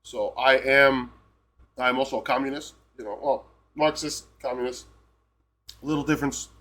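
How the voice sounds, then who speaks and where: A man's voice: mid-range voice, steady tone, normal speed, fairly bright tone. A man from Peru, a live streamer, giving a rambling, emphatic and profane casual rant.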